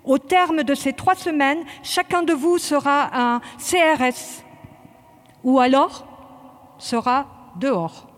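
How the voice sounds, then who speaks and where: A woman's voice: high-pitched, slow pace, big-room sound. A woman voicing a stern male police training lieutenant who drills recruits in barked, clipped commands.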